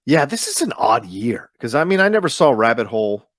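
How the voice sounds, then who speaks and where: A man's voice: mid-range voice, big pitch swings, fairly quick, no room sound, clean studio sound. A man co-hosting a podcast, weighing opinions in casual chat with frequent ums and uhs. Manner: thoughtful, gives ranked opinions with many fillers. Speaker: podcast co-host.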